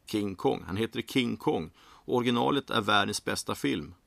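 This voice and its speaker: A cheerful bearded film director, eager and chirpy, as a man voices him. The voice sits a few steps above the narrator's low, gravelly tone. A storybook reading recorded dry and close. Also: fairly bright tone, dry recording.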